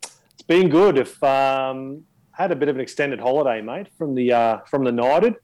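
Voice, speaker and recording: A man's voice: medium pitch, normal speed, darkish tone. A man with an Australian accent giving team news in a laconic, matey, slangy way on a casual rugby league show. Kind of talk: casual sports chat.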